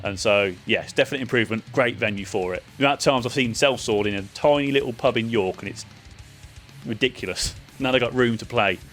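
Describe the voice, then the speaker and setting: A man's voice: mid-range voice, fast, a bit bright, soft background music. A man giving a casual, chatty spoken review of a festival, loose and full of ums and uhs. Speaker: vlogger reviewing a metal festival.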